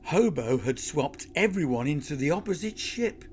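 A man narrating a children's adventure story in a lively, expressive reading. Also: on the high side, moderate pace, slight background noise.

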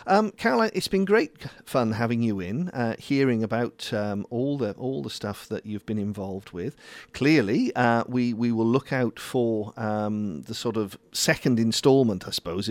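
A man's voice: mid-range voice, darkish tone, no echo. Man, interview host, mid-range voice, affable, rambling and hedging, dry studio-like sound. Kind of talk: conversational radio interview.

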